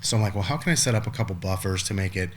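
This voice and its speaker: A man in his forties, guesting on a podcast, talks casually and at a very fast clip in a low voice. He rambles, restarts often, and drops the odd swear word, with slight background noise in the recording.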